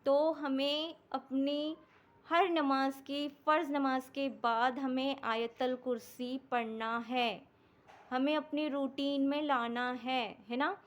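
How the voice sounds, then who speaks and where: Woman giving a religious lesson, high voice, keeps asking viewers questions, tells a story. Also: steady tone. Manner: asks the listeners questions, with frequent tag questions. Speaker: religious teacher.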